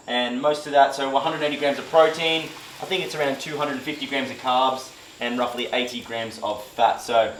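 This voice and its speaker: A man's voice: mid-range voice, a bit bright. A man cooking and chatting casually for a vlog, joking at himself and rambling with fillers. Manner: chatty, jokey, self-mocking, loose with fillers. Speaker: fitness vlogger doing meal prep. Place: home kitchen, indoors. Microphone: camera mic, filmed by a helper. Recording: roomy kitchen with faint cooking noise.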